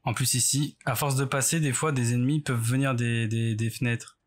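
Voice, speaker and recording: A man's voice: mid-range voice, steady tone, fairly quick. A man doing casual let's play commentary as a horror game streamer, rambling nervously and self-mockingly as he talks to himself. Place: bedroom at home, indoors.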